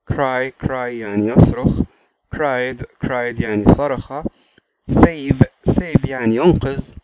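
A man with an Egyptian Arabic accent explains a primary school English lesson. He says each English word several times and then gives its meaning. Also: mid-range voice. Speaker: English teacher. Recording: dull lo-fi sound with clear background noise.

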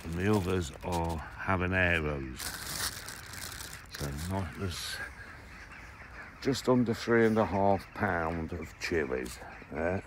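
This gardening vlogger, an Englishman in his sixties, rambles on camera about what his allotment has yielded, often stopping to correct himself. His voice sits low and slow with frequent pauses, and there's noise in the background of the partly outdoor plots and greenhouses.

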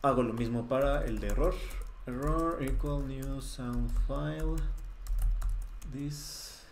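A man's voice: medium pitch, slow pace, creaky. A young man teaching a coding lesson, talking through each step as he types at his desk. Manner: relaxed, thinking aloud while typing code. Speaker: programming tutor. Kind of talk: screen-recorded coding tutorial. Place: small room at a desk, webcam. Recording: roomy echo, faint noise.

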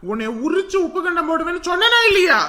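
A woman voicing an angry, bullying middle-aged husband and father who scolds, threatens and shouts. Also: very high voice, expressive, fast, exaggerated voice. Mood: scolding. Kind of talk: dramatic story voice acting.

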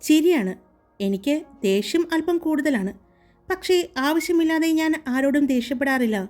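A hot-tempered young boss speaks firmly and teasingly, a little lower than the storyteller's own voice, as a woman reads him in a romance audiobook. The tone stays mellow and dark rather than bright, with soft music under it. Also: expressive, moderate pace.

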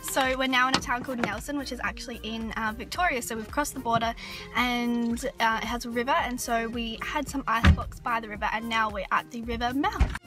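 A young Australian woman casually narrating a road trip to a phone held at arm's length, chatty and excitable. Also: on the high side, a little fast, over loud music. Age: young adult. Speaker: vlogger. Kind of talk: casual travel vlog.

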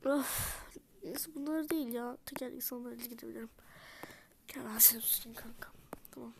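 A woman in whispered role-play, voicing dolls in a game and switching between character voices, often softly whispering. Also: fairly high pitch, steady tone, a little fast, vocal fry, background noise. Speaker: YouTuber voicing dolls in a life-sim game.

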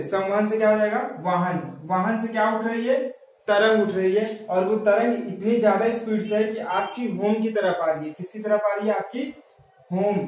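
A man's voice: high voice, a little mellow, distant mic. A man giving an exam-prep lesson on memory tricks, asking questions and answering them himself while repeating key words. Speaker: teacher. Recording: very echoey room, voice from off mic, faint ambient noise.

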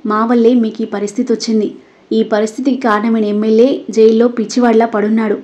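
A woman voicing a caring young husband who speaks gently and reassuringly. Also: a little high, flat delivery, fast talker, highs cut off, close to an everyday voice. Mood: gentle.

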